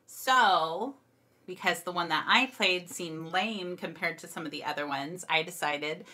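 A woman's voice: on the low side, unhurried, bright, forceful tone. A woman hosting a casual gameplay video, introducing the episode and teasing her friend. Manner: chatty, teasing. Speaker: channel host.

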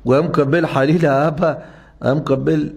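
A man's voice: a little high, fairly even intonation, vocal fry, darkish tone, husky. A man preaching as a rabbi in a synagogue, telling a story and acting out each character's voice with animation. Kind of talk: sermon storytelling.

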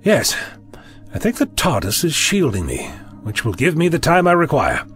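A man's voice: a little high, wildly swooping pitch, moderate pace, a bit bright, soft background music. A man playing an eccentric time traveller in a sci-fi audio drama, theatrical and polite in his wordy speech. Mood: calm, confident. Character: eccentric male time-travelling Doctor, polite and stubbornly confident.

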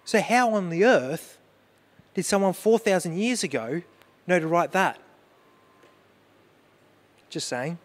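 A man's voice: high-pitched, lively intonation, slow, long pauses. A man preaching a sermon as pastor, earnest, mixing questions to the congregation with personal storytelling about grief.

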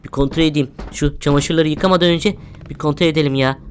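Kendi kendine konuşan ürkek kadın oyuncu. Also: female voice, deep voice, fairly even intonation, fast, darkish tone, a little hiss or hum. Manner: jumpy, talks to herself, easily frightened. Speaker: gamer. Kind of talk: horror game let's play commentary.

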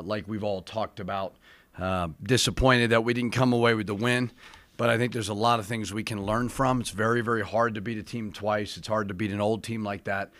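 Middle-aged male coach at a press desk, low voice, close and dry, firm and measured. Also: fairly bright tone, dry recording. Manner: measured, firm, plain-spoken. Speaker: head basketball coach. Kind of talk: postgame press conference answers. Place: press room with sponsor backdrop, indoors. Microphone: desk mic.

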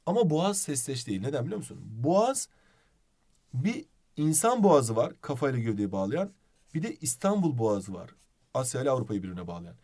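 A man teaching a video lesson, playful and animated, asking questions as he explains. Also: mid-range voice, a little fast.

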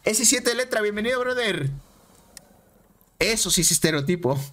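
A Mexican man streaming a game, chatting excitably with viewers and repeating himself. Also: sits high, normal speed. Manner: excitable, repeats phrases, banters with chat. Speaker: gaming streamer. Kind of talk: casual live-stream chat over gameplay.

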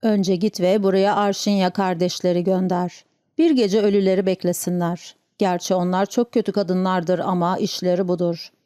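A woman's voice: fairly low pitch, steady tone, normal speed, warm tone, clear, resonant tone, no room sound, clean studio sound, lightly acted. A woman voicing a stern, wounded Breton housekeeper who gives firm orders. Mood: commanding. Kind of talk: audiobook character reading.

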